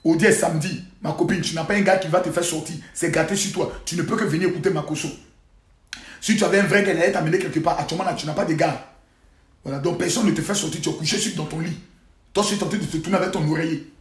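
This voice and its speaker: A man hosting a live social-media monologue, scolding and preaching in loud bursts with sudden quiet asides, speaking into a phone. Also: a little high, fast talker. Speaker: livestream host. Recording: roomy echo.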